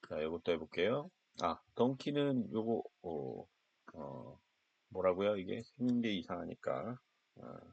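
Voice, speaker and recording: Deep gravelly guy teaching pronunciation slowly, dull lo-fi sound, says every word twice. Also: a little mellow, no room sound. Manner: patient, repeats each word twice, coaxing listeners to follow along. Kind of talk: beginner lesson, slow step-by-step explanation.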